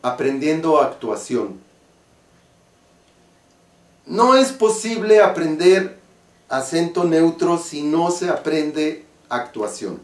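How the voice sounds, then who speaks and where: A man with a Mexican accent, an acting teacher explaining stage diction slowly and deliberately. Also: a little high, lively intonation. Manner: slow, deliberate, carefully articulated explanation. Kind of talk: spoken lesson on stage diction. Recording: roomy, from a distance.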